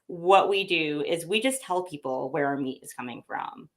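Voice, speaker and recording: A woman with a low-pitched voice speaks at normal speed in a relaxed conversational interview, representing a pet food company and explaining how it sources meat. She's a bit sniffly and talkative, with frequent fillers and restarts.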